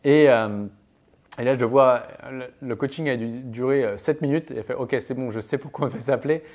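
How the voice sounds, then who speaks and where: A brisk, mid-range male voice with a darkish tone, coaching as a mental performance expert. He delivers advice and anecdotes emphatically, dotting his points with punchy sound-effect interjections.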